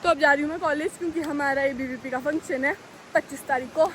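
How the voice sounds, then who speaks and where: Young woman vlogger, high voice, casual and self-mocking, phone mic outdoors with light traffic noise. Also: fairly even intonation, fast, fairly bright tone, rough recording. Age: young adult. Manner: chatty, self-mocking, dramatic. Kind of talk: casual vlog talk. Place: outdoors on a road.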